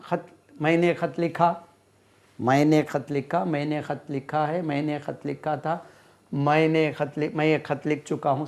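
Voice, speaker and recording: A man gives an English lesson at a slow, patient pace. His voice sits a little high for a man, and he repeats each word and phrase as he writes it out. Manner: slow, repeats words and spells them out while writing. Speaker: English teacher. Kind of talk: classroom-style lesson explaining grammar.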